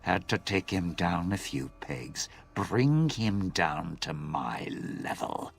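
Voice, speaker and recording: An actor playing a bitter, vengeful lounge singer who schemes and sneers, in video game dialogue. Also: male voice, sits low, expressive, creaky, husky, faint music behind, heavily acted. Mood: scornful. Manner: sneering, drawn-out, sly.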